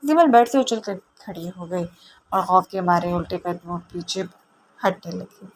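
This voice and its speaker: A woman reading a romance novel aloud in steady, scripted narration. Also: lowish voice, a little hiss or hum, low-quality recording.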